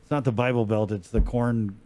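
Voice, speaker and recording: A man's voice: mid-range voice, steady tone, brisk, warm tone. A middle-aged man hosts an interview in casual, informal, joking chat. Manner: informal and bantering. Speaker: talk show host.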